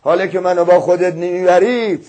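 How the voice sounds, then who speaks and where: A man's voice: high voice, mellow, lightly acted. A man voicing an earnest king who is a new convert, pleading in a recited religious tale.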